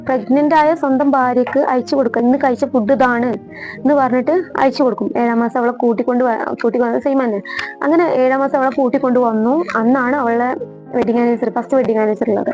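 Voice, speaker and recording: Woman, rapid earnest personal storytelling, repeats and restarts, dull lo-fi sound, faint music behind. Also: high-pitched, darkish tone. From Kerala. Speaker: storyteller recounting her own marriage.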